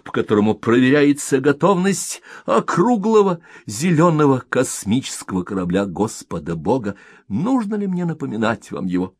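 A man's voice: fairly high pitch, no room sound, clean studio sound, voice pushed up, heavily acted. A man reading an audiobook aloud, voicing a fervent male evangelist preacher who rouses a crowd with rhetorical questions.

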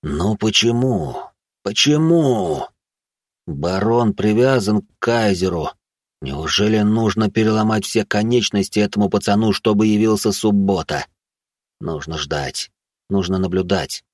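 A man reading an audiobook, voicing a huge hunched monstrous man who talks in a slow, menacing growl. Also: fairly low pitch, darkish tone, no echo, clean studio sound, natural voice. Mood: brooding.

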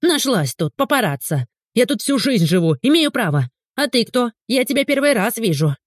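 A woman voicing a pushy middle-aged village woman who scolds indignantly and shrilly. The voice sits higher than her plain narration. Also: very animated, normal speed, no echo.

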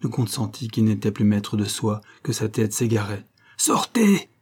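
A man reading a novel aloud as an audiobook narrator, in a steady, measured way. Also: on the low side, slightly rough.

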